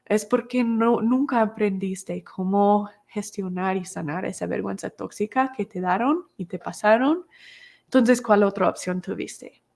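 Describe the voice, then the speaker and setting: A woman at a middle pitch, talking through an online course on feelings in a warm, chatty teaching tone. She acts out small back-and-forth scenes and speaks to viewers' comments directly. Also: measured pace, creaky. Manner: expressive, acts out dialogues, answers viewer comments. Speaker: course instructor. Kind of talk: conversational teaching video.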